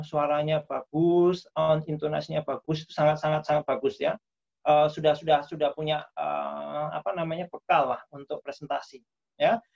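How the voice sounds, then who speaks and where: A man's voice: on the high side, creaky, darkish tone. Man lecturing over dull online audio. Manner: casual, many fillers and tag questions. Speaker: workshop presenter.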